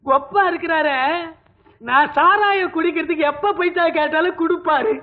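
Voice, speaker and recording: A man's voice: very high voice, normal speed. An actor playing a drunk, weepy male servant who blabbers gossip, in a 1980s film scene on a tinny soundtrack. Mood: tipsy, maudlin. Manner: slurred tipsy blabbering.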